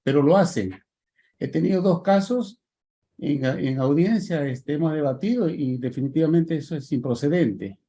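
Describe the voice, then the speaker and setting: A man's voice: on the high side, normal speed, mellow. A man with a Peruvian Spanish accent, a student in an online class, asking a question hesitantly with fillers.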